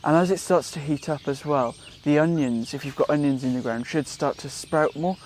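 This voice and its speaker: A young man from Wales giving a relaxed, chatty gardening how-to outdoors, with frequent ums and self-corrections. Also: on the high side, moderate pace, a little hiss or hum. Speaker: gardening vlogger. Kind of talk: casual how-to vlog.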